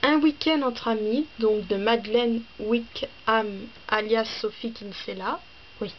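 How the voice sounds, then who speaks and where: A woman's voice: fairly high pitch, takes it slowly. A woman talking casually in a book vlog, listing titles in a hesitant, chatty way with many fillers and restarts. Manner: chatty, listing items one by one. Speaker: book vlogger. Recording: slightly dull with faint background noise.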